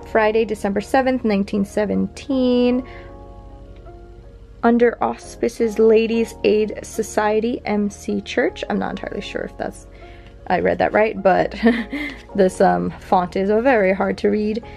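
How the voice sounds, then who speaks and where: A chatty young woman with a mid-range, gravelly-edged voice narrates a casual show-and-tell of her vintage collection as a vlogger. She rambles, using fillers and soft laughs, from her home near a big airport.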